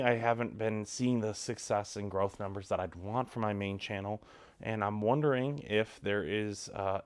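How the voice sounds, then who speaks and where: A young man talking to camera in a cold home garage, giving relaxed, rambling advice with lots of ums and likes. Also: fairly low pitch. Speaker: vlogger. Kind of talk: casual advice talk to camera.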